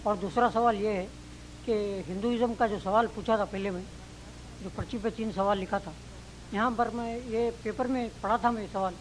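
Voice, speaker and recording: A man with a Hyderabadi accent and a fairly high voice asks a question from the audience. He talks plainly and rambles as he explains what he read. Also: steady tone, normal speed, slight background noise, poor audio. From Hyderabad, India. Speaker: audience member asking a question.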